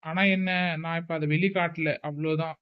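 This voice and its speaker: A man's voice: on the high side, little pitch movement, moderate pace, clean tone, lightly acted. A man playing a strict protective older brother. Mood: explaining, defensive. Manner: scolding, raised voice. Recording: tinny phone-like recording.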